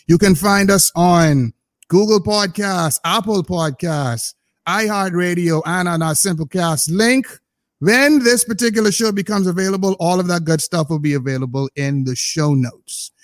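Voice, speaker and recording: A man hosts a casual podcast chat with a playful, animated delivery. His voice sits high for a man, and he stretches key words out for emphasis. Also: normal speed. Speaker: podcast host.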